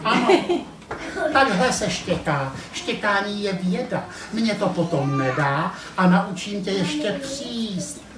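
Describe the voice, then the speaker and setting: A man's voice: sits high, animated, background noise, voice pushed up. A man voicing a conceited, bossy female farm cat in a live puppet show. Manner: bossy, know-it-all, teasing. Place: family centre playroom, live puppet show. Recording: echoey room from far off, audience.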